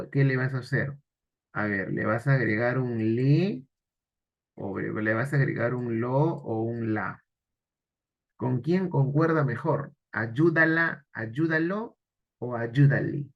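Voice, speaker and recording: Man, grammar teacher, exam-prep lesson, asks and answers questions, muffled lo-fi sound. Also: mid-range voice. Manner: asks the viewer questions, then answers them.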